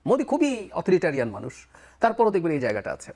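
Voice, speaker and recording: A man's voice: a little high, fast. A man giving political analysis as a talk show guest, dropping English phrases into his speech. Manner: lively, mixes in English phrases.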